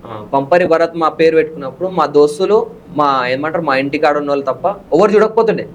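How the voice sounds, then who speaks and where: A young man, a content creator in a casual interview, talking fast and excitably. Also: on the high side, lo-fi sound. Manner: fast, excitable, bursts into loud dramatic dialogue delivery. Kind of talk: casual interview with acted film dialogue.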